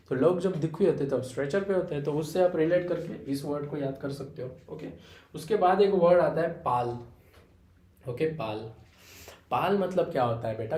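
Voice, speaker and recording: Young indian guy, marathi accent, slightly high voice, explaining words with lots of okays, roomy echo. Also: warm tone. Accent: Marathi-influenced Indian. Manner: explains with repeated fillers like "okay" and "है ना"; addresses students fondly as "बेटा". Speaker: English vocabulary teacher. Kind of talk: Hindi-English vocabulary lesson.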